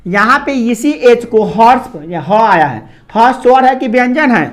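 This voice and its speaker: A man's voice: very high-pitched, expressive, measured pace. A man teaching grammar to a classroom of students. He explains patiently and goes over each point more than once. He stops often to ask whether the class has understood.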